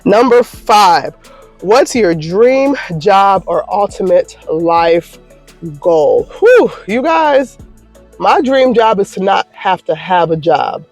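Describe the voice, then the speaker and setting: Faint music plays behind a slow, expressive, mid-range voice with a slightly mellow quality. It's a woman in her thirties from Michigan, a YouTuber doing a laid-back Q&A from her parked car in a parking lot, sounding upbeat and encouraging.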